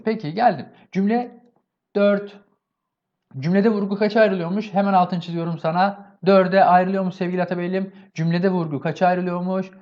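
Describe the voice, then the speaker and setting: In an online exam-prep lesson, a man energetically teaches grammar, posing questions and answering them himself while repeatedly addressing his viewers affectionately. His voice sits high, and the recording is muffled.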